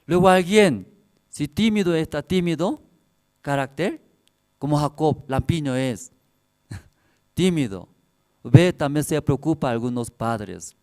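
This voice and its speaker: A man's voice: a little high, expressive, slow pace, pauses often, darkish tone. A man preaching a sermon, telling personal stories in simple, broken Spanish with frequent laughter. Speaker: pastor.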